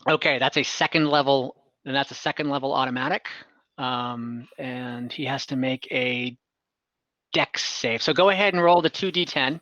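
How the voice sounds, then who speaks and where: Acting as game master of an online tabletop game, a man explains the rules with many hesitations and fillers. His mid-range voice is pushed and bright at normal speed, picked up by a computer mic on a video call, with dull audio and no room sound.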